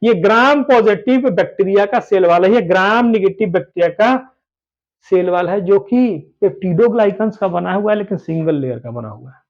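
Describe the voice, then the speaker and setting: A man with a high-pitched voice explains a biology lesson at a whiteboard at a moderate pace. He is repetitive, restating key points, calling his students "babu" and urging them to listen closely. The recording is dull and lo-fi.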